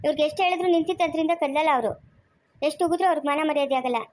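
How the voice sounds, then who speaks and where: Woman doing a bossy high-voiced lady yelling at folks to keep away from the baby, chikkaballapur accent. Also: rapid-fire, close to an everyday voice. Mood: scolding. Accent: Kannada of Chikkaballapur area. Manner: scolding, commanding, sharp-tongued. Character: stern scolding lady of the house guarding the baby. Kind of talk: amateur family drama acting.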